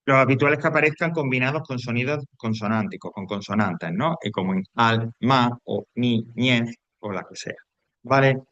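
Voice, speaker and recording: Talking fairly quickly in a medium-pitched, slightly bright voice, a man walks students through grammar. He is explanatory and repetitive, often using tag questions to check in with them. The audio is dry and sounds dull.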